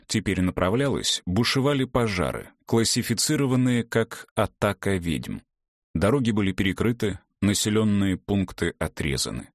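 A man reading a fantasy audiobook in a measured, dramatic narration. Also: fairly low pitch, dry recording, clean studio sound. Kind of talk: scripted narration.

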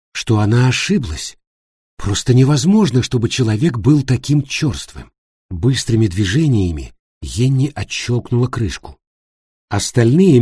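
Male audiobook narrator, mellow husky tone, steady tense storytelling. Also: mid-range voice, no room sound, studio quality. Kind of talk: scripted narration.

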